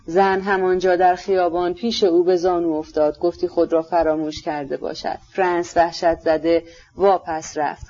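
An audiobook narrator giving a steady, measured literary reading of a novel. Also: mid-range voice. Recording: slightly dull lo-fi recording.

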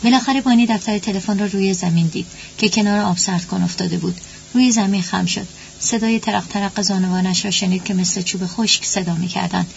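Gravelly woman narrating a story. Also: mid-range voice, steady tone. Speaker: audiobook narrator. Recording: dull lo-fi with faint hum.

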